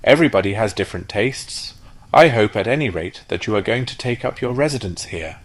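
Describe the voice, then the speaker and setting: A man's voice: fairly low pitch, animated, fairly quick, no room sound, voice pushed up. A man doing a mild, chatty quacking duck. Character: peaceable chatty female duck.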